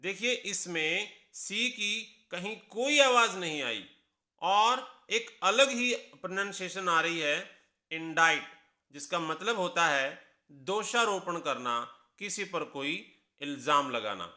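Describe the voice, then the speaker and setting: A man, teaching pronunciation at an unhurried pace. His voice is high and very bright. He spells each word out one letter at a time, then repeats the correct pronunciation twice. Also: lively intonation. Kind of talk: slow, deliberate classroom explanation.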